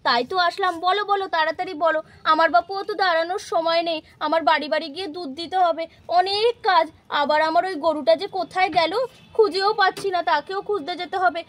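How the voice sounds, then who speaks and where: A woman voicing a hurried village milkwoman. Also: very high-pitched, fairly even intonation, no echo. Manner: hurried, protesting, repeats words. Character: busy village milkwoman who owns a naughty cow, defensive. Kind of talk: toy-house puppet play.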